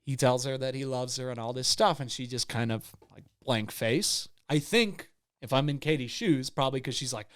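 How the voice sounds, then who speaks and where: A man's voice: mid-range voice, normal speed, smooth. A young man co-hosting a podcast, retelling events in casual chat and acting out the quoted lines. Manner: animated storytelling, acts out quoted lines. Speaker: podcast co-host.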